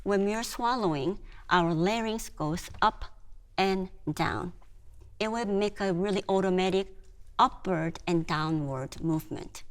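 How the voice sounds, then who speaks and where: A woman, patiently leading a group through voice and breathing exercises as a music therapist. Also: mid-range voice. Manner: slow, patient coaching with demonstrated sounds.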